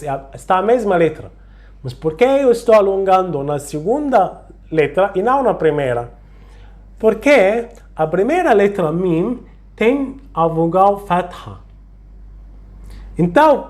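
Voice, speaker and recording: Slow, patient recitation teacher. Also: mid-range voice, a little mellow. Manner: slow, patient, repeats sounds and words to demonstrate. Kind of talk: slow tutorial on Quranic recitation rules.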